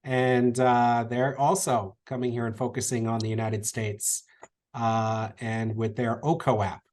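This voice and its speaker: A man hosting a webinar, introducing the next guest in a friendly, quick way. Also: medium pitch, little pitch movement, a little mellow. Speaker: webinar host.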